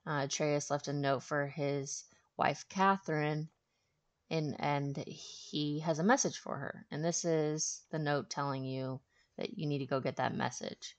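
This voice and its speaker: Hosting a video game walkthrough, a low-voiced woman offers casual commentary, explaining as she plays. Her tone is steady and her pace measured.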